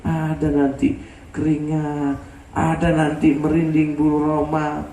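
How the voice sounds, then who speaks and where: A male preacher giving an animated sermon, acting out the people in his stories. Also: on the high side, unhurried, slight background noise. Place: religious gathering. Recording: roomy sound from a distant mic.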